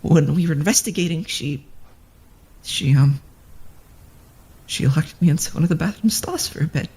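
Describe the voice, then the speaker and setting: An actor voicing a grieving student in a fan-made game who speaks to friends who have passed on, talking haltingly with stammers and sighs. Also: medium pitch, dark tone, slightly rough. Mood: uneasy.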